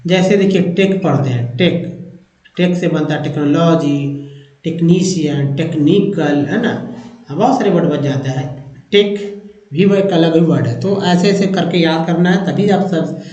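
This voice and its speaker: A man teaching an English pronunciation lesson, explaining step by step and slowly repeating each vowel sound while addressing viewers as friends. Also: a little high, mellow, reverberant, lo-fi sound.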